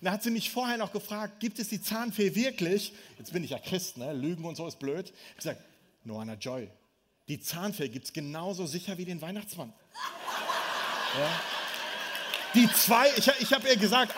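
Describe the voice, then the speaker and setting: A pastor in his thirties, whose voice sits high, delivers a lively, humorous sermon. He tells family stories and speaks directly to the congregation.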